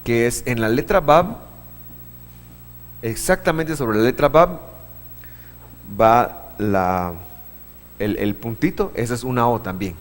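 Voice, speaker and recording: A man teaching a church class, patient, asking the room questions, with many halting restarts. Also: mid-range voice, expressive. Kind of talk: classroom lesson on Hebrew vowels. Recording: long hall reverb.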